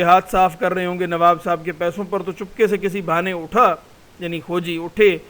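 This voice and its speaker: A man's voice: sits high, a bit bright, rough recording. A man, a college lecturer, reading a passage aloud in a recorded class and explaining it word by word.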